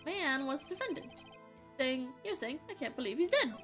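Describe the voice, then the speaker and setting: A woman's voice: high voice, big pitch swings, normal speed, a bit bright, faint music behind. A woman voicing an elderly male boat-rental witness with a put-on Southern accent and a folksy drawl.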